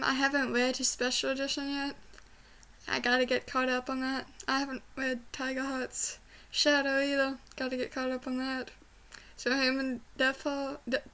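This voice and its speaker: She's a young woman book reviewer whose voice sits high with a fairly bright tone. Chatting casually and rambling in her review vlog from a small indoor bedroom, she has trouble with R's, turning them into W's.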